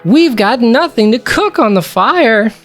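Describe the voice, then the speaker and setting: A man voicing an eager, forgetful little bear cub in a picture-book reading, in a high, squeaky voice. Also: expressive, a little slow, fairly bright tone, soft background music, heavily acted. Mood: earnest.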